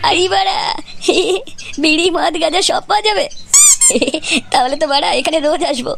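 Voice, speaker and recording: A woman's voice: high voice, fast, vocal fry. A woman voicing brash, crude comedy cartoon characters. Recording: loud background noise.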